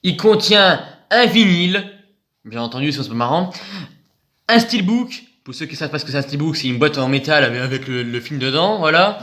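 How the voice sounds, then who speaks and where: A man's voice: fairly high pitch, expressive, brisk, pushed and bright. A man chatting casually while unboxing purchases, rambling and joking, repeating himself. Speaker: video host showing purchases. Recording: echoey room, faint noise.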